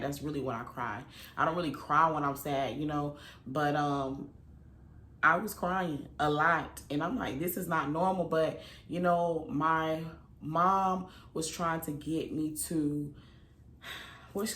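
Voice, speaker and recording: A woman's voice: sits low, a little hiss or hum. Candid woman telling her story, roomy sound. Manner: candid and conversational, with many fillers. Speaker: vlogger. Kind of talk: storytime monologue. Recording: roomy echo.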